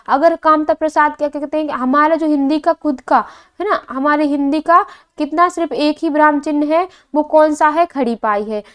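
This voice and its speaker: A young woman teaching an exam coaching lesson, asking a question and answering it herself and repeating key points with frequent fillers. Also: high-pitched.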